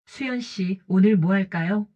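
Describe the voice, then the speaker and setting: A woman voicing a gentle older man who speaks softly and politely, on a dull lo-fi recording. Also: mid-range voice, unhurried, close to an everyday voice. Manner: soft, polite, reassuring. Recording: dull lo-fi audio.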